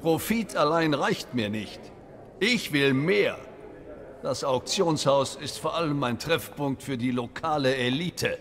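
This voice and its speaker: Haughty, slow-talking auction house owner. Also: male voice, on the high side, expressive, fairly bright tone. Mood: cold, disdainful. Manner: cold, disdainful, deliberate.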